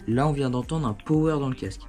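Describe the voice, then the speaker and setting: A fast-talking man with a dark, medium-pitched voice demonstrates a product hands-on at home, with soft music in the background. He hosts a motorcycle gear review channel and explains things informally and conversationally, indoors.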